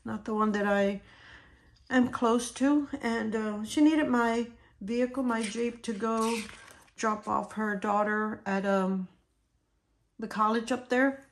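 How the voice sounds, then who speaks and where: A hoarse woman talking quietly, almost in a whisper, as she sorts stickers and decorates her planner, chatting casually as she goes. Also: a little high, steady tone, takes it slowly. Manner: quiet, near-whispered, talks while sorting stickers. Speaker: planner vlogger. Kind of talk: soft-spoken planner decorating chat.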